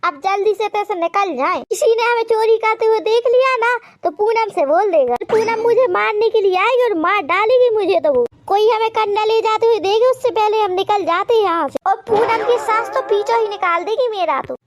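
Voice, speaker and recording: A cunning village sister-in-law snaps back in a country dialect, played by a woman. The cartoon voice is extremely high and squeaky. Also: lo-fi sound, a little hiss or hum. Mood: defensive. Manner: defensive and quick-tempered, village dialect. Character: sly village sister-in-law, a cunning dung-cake thief. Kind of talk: cartoon voice acting.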